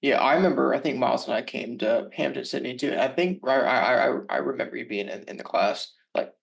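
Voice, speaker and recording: A man's voice: mid-range voice, brisk, gravelly. A young man with a boyish-sounding voice, hosting a podcast in a casual, chatty interview style. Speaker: podcast host.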